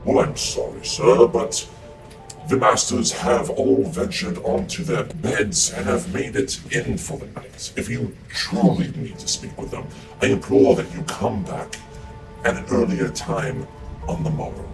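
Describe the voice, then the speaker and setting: A man's voice: fairly low pitch, level tone, a little slow, creaky, music in the background, low-quality recording. A man voicing a polite mannequin, a robot butler construct with formal, deferential speech, in a tabletop game. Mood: polite, insistent.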